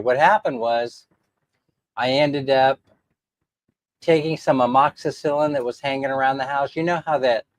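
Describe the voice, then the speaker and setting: A man's voice: mid-range voice, dry recording. A man talks casually to his livestream viewers, his voice throaty and clogged by a sore throat. He sounds congested and under the weather. The sound is dry and close, with little room around it. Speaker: livestream host.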